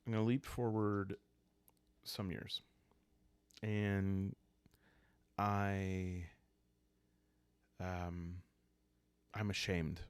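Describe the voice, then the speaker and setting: A man with a slow, low, creaky yet soft and calm voice hosts and plays a solo journaling roleplaying game, telling an unscripted story meant for sleep. He sounds hesitant, thinking aloud with long pauses and sighs, and the recording is dry.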